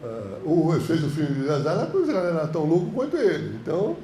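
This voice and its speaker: A man's voice: a little high, fast, reverberant, a little hiss or hum, low-quality recording. A man with a Brazilian Portuguese accent, a film director teaching a course, telling anecdotes in a colloquial, slangy way. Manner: animated, colloquial storytelling, frequent slang. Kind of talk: lecture with anecdotes. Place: university classroom.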